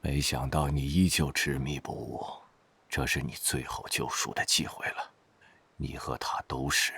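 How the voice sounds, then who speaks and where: A man playing a solemn, weary old spirit with a raspy, breathy bass, sighing and speaking in archaic phrases in an audio drama. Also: fairly even intonation, sharp tone, no room sound, whispered, exaggerated voice. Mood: weary reproach. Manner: slow, sighing, archaic wording.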